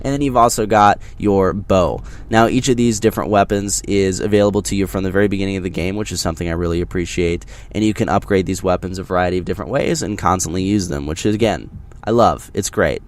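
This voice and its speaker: Low-pitched and quick, this man talks through what he thinks of a video game, addressing viewers conversationally. It's casual, unscripted commentary over gameplay.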